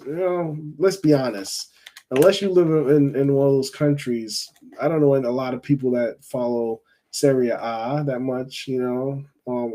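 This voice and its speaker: A Jamaican man hosts a fan call-in football show, chatting in a rambling way and often repeating himself. His voice is medium in pitch with a dark tone.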